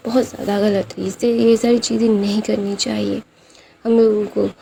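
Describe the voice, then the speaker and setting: Woman playing a scornful, disapproving grandmother, ranting, dark and gravelly voice. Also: medium pitch, little pitch movement, moderate pace, a little hiss or hum, close to an everyday voice. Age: older.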